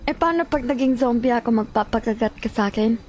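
A woman's voice: on the high side, quick pace, darkish tone. A woman bantering playfully in a game roleplay, teasing and laughing easily. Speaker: roleplay player. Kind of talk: casual game roleplay chat. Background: game music.

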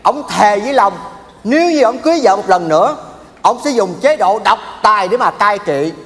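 A man's voice: sits high, lively intonation, normal speed, a bit bright, a little hiss or hum. An actor playing an earnest young man who respectfully explains his father to an elder. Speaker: stage comedy actor. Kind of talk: stage sketch acting. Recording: live stage with hall echo.

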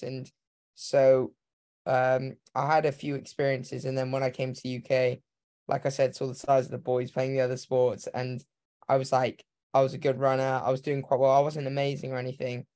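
Casting: young man in his 20s from Hong Kong, flat delivery, rambling and eager, webcam call sound. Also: medium pitch, clear, resonant tone. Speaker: guest, professional runner. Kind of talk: casual interview. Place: home room. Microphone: video call webcam.

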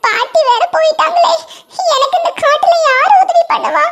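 A woman doing a squeaky whiny little boy. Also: moderate pace, fairly bright tone. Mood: tearful. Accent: Kanyakumari Tamil. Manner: whiny, tearful. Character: stubborn little village boy, whiny and excitable. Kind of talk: cartoon moral story voicing.

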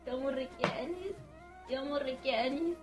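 A woman's voice: high voice, fast, lightly acted. A woman playing a worried mother with an Upper Egyptian accent, pleading and fretful about her son. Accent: Upper Egyptian Arabic. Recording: echoey room with music behind.

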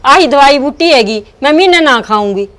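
A woman plays a caring Punjabi woman who comforts an old grandmother. Her voice is high, and she speaks in a firm, consoling way. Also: lively intonation, fairly quick, fairly bright tone. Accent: Indian Punjabi. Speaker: daughter-in-law in a family drama. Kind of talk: village web drama acting.

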